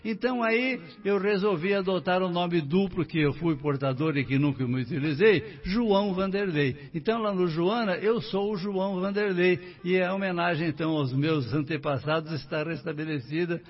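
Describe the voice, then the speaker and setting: Older Brazilian man on the radio, husky. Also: sits high, moderate pace, hardly any pauses. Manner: warm storytelling, addressing listeners directly. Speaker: radio show guest. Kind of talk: casual radio interview. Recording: muffled distant radio studio mic.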